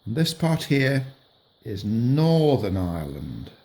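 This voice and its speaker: Taking his time, a middle-aged man with a medium-pitched, very animated voice teaches young children a lesson. He stays patient and gentle, describing what he's doing as he marks up a map.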